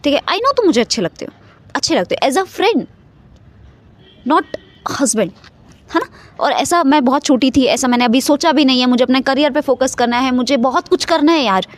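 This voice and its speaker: A woman's voice: high-pitched, lively intonation, normal speed. Chatty young woman telling a story. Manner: chatty, mixes in English, keeps saying "okay". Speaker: vlogger. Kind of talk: casual storytime. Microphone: phone.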